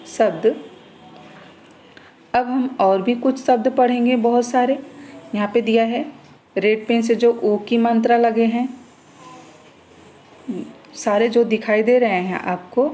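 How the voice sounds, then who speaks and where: A woman teacher giving an online class to young children, reading words out slowly syllable by syllable. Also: on the high side, steady tone, warm tone, a little hiss or hum, poor audio.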